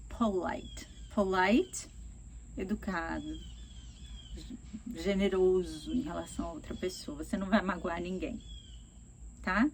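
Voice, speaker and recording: A woman teaching English, explaining phrases and acting out examples, repeating each phrase slowly. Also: medium pitch, creaky, warm tone. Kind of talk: explaining lesson.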